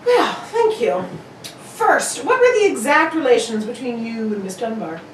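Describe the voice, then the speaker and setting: A woman playing Sherlock Holmes as a cool, incisive gentleman detective in a radio mystery, with a dry, formal, politely cutting manner. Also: on the high side, sing-song, measured pace. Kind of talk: 1940s radio mystery acting. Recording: roomy, distant, faintly noisy stage recording.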